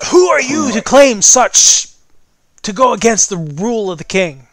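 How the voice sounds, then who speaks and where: A man voicing a booming, imperious royal official shouting commands in a tabletop game. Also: very animated, a little slow, no echo, studio quality, exaggerated voice. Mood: outraged challenge. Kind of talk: tabletop game role-play.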